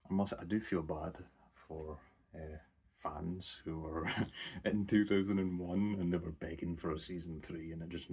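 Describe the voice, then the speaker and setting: Deep gravelly young man. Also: darkish tone. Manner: rambling, informal, swears casually. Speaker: anime vlogger. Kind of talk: casual unscripted review monologue.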